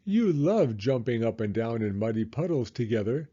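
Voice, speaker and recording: A man voicing a fond, patient mother pig in a storybook, gently explaining. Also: medium pitch, sing-song, moderate pace, highs cut off. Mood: fond reminiscing.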